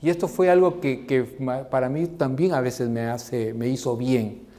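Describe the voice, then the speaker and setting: Animated man leading a class. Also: normal speed. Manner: animated, acts out quoted voices in a raised pitch. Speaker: seminary teacher.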